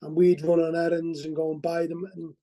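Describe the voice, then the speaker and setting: Speaking fairly quickly with a completely flat delivery, this middle-aged Liverpool man shares a candid, meandering testimony at a video-call recovery meeting. His slightly high voice has a warm tone, and he keeps restarting words and asking "you know what I mean?"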